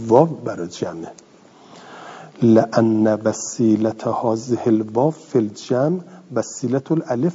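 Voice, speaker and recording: A man's voice: medium pitch, mellow, husky. A man teaching a grammar lesson, reading a text aloud and explaining it with questions he answers himself. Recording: dull lo-fi recording with long reverb.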